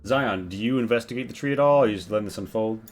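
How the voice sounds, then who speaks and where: Low-voiced man narrating as game master. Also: soft background music. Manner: halting, repeats words as he improvises. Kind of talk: improvised tabletop game narration.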